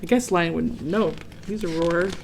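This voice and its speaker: A woman's voice: on the low side, moderate pace, gravelly, noisy background. A woman reading a children's picture book aloud and chatting to kids about the story in a friendly way.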